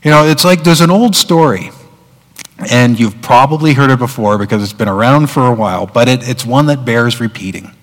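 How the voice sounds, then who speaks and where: A man's voice: mid-range voice, expressive, a little fast, fairly bright tone, in a large hall, poor audio. A man preaching a sermon as pastor, conversational, with frequent fillers and restarts.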